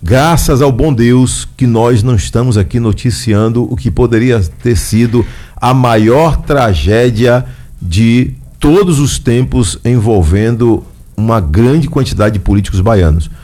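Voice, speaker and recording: A man's voice: medium pitch, measured pace, dark tone. A man hosting a radio talk show, chatty and folksy, often tagging his sentences with a questioning "né". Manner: chatty and folksy, tags lines with "né?". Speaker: radio host.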